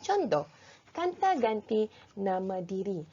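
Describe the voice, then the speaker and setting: A woman primary school teacher with a Malaysian Malay accent, giving a recorded grammar lesson in a slow, clear, drilling way with rising questions. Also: mid-range voice, big pitch swings, warm tone. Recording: dull lo-fi recording.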